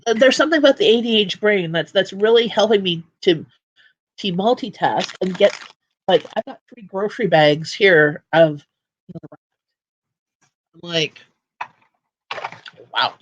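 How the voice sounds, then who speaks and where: A woman hosts a relaxed livestream chat from her home. She talks in a loose, rambling way and often backs up to restart her sentences. There is a faint hiss of background noise under her voice. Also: medium pitch, a little slow, pauses often, muffled recording. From Canada. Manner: rambling and chatty, with frequent restarts. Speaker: livestream host. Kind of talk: casual chat.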